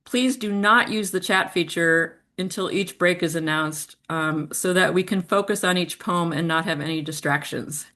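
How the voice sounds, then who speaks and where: Woman running a zoom poetry reading, lowish pitch, bright voice, polite and orderly, lots of ums. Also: moderate pace, hardly any pauses. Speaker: host of a virtual poetry reading. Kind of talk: organized welcome and event instructions. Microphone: computer mic on a video call.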